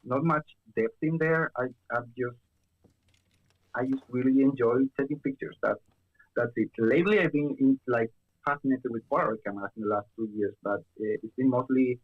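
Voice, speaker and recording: Heard through narrow, tinny audio, this young Chilean guest talks at normal speed in a medium-pitched voice. He chats casually but hesitantly, full of fillers and false starts.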